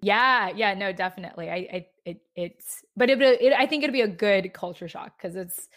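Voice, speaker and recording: A woman's voice: mid-range voice, normal speed, a bit bright, no echo, clean studio sound. Upbeat, chatty woman host in her thirties, casual interview tone. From United States. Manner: upbeat, chatty, lots of restarts and "like". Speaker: podcast host.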